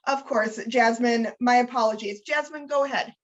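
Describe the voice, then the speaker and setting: A woman reads a well-meaning male math professor who is awkward about pronouns. He addresses his class in a stiff, hesitant way, in a slightly high voice. The sound is dull and muffled, like online call audio. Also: moderate pace, a bit bright, natural voice. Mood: apologetic. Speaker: student leader reading a training scenario. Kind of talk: read-aloud role-play scenario.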